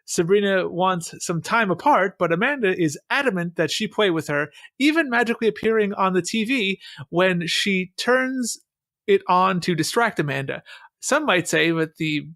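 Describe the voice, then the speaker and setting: A man's voice: sits high, animated, moderate pace, sharp tone, dry recording. A man hosting a podcast, recapping an episode and chatting with a wry, sarcastic manner on a close mic. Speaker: podcast host. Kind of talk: casual chat and episode recap.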